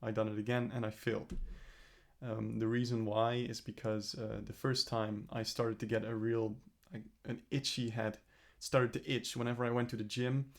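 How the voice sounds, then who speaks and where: A man's voice: mid-range voice, little pitch movement, moderate pace. A young man talking through his plans in a casual, earnest vlog, rambling and correcting himself as he goes. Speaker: vlogger. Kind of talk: casual self-reflective vlog.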